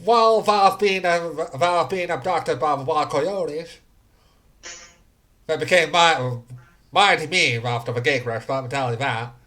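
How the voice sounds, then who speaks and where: A man's voice: fairly high pitch, measured pace, sharp tone. A man voicing a folksy, flustered frontier townswoman in a tabletop role-play. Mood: folksy, candid. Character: folksy, easily baffled townswoman shopkeeper Hannah in a frontier settlement.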